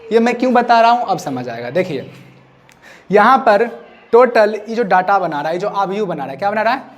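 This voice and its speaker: A man's voice: high voice, animated, fairly quick. A man teaching a maths class, repeating his questions so students answer back. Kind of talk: classroom lecture.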